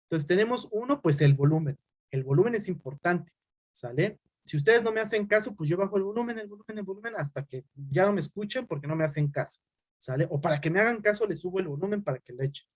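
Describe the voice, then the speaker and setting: A fast-talking young man gives an online lecture, recorded dry and close on a computer microphone. His voice sits a bit high for a man, and he keeps tossing quick check-ins to his class. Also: animated, no echo. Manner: fast-talking, uses "¿sale?" as a tag. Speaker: teacher.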